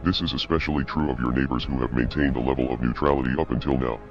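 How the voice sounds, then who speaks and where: A man reading a scripted statement as an anonymous activist spokesperson in a disguised, pitched-down voice, cold, measured and ominous. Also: steady tone. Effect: disguised, pitched-down deep voice. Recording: dull lo-fi audio, music behind.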